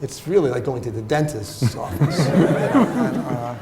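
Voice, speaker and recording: A man, an actor giving a master class, telling anecdotes in an animated, laughing way with many fillers. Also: medium pitch, measured pace, slight background noise. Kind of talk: anecdotal storytelling interview. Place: festival venue hall. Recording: roomy hall, faint ambience.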